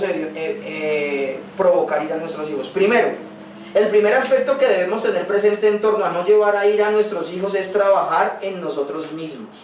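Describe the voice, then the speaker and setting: A man's voice: sits high, a little hiss or hum. A male pastor preaching a sermon earnestly, now and then acting out quoted dialogue. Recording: roomy distant sound, recorded without a microphone.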